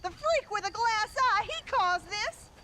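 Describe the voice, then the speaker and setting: An actress playing a shrill, superstitious frontier woman who trades insults in a video game. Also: expressive, measured pace, background noise. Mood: spiteful. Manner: shrill, accusing. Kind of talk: video game cutscene acting.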